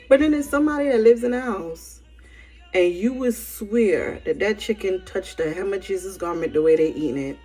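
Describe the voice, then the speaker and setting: A woman giving an informal sermon, telling colloquial stories emphatically and often checking in with tag questions. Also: medium pitch. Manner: animated, colloquial storytelling with frequent "right?" tags.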